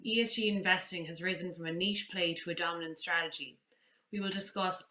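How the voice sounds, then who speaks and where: A woman's voice: on the low side, bright, forceful tone. A woman moderating an online panel, reading formal introductions from a script over a video call. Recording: roomy echo.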